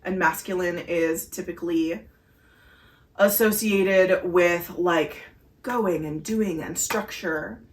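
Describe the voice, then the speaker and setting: A woman's voice: fairly low pitch, slow, far from the mic. A woman co-hosting a podcast, earnestly explaining breathing exercises in casual chat with many fillers. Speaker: podcast co-host. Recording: echoey room heard from afar.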